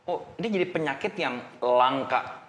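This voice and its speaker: A man's voice: mid-range voice, normal speed, fairly bright tone. A man hosting an interview, mostly offering short encouraging replies and mixing English into his questions. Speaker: podcast host. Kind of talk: interview listening and prompting.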